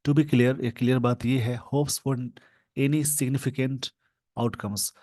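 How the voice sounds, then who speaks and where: A man with an Indian accent teaching English in Hindi, explaining an editorial word by word and slowing down to read the English phrases. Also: mid-range voice, steady tone, a little mellow, no room sound. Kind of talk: Hindi-language English lesson reading an editorial.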